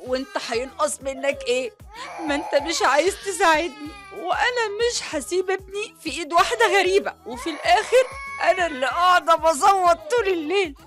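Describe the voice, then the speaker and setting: A woman's voice: very high voice, a little fast, a bit bright, faint music behind. An actress playing an exhausted young wife and new mother who complains half-laughing in an Egyptian accent in a radio drama. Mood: complaining. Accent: Egyptian Arabic.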